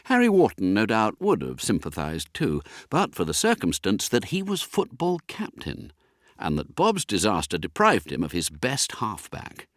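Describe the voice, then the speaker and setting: A man narrating an audiobook in a lively, characterful reading. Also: on the low side, normal speed, dry recording, clean studio sound. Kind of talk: scripted narration.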